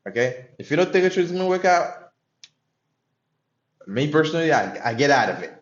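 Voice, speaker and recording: Slightly high, sing-song and a little fast, the voice belongs to a young live-streaming day trader from Haiti. He comments casually on his trades and chats with viewers in a loose, profane style, recorded with dull audio.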